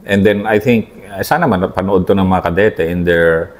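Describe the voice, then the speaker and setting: A middle-aged Filipino host interviewing a younger officer, asking probing, leading questions and often ending them with "di ba?". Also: male voice, sits low, normal speed. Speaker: host, retired colonel. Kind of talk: interview, mixing Tagalog and English.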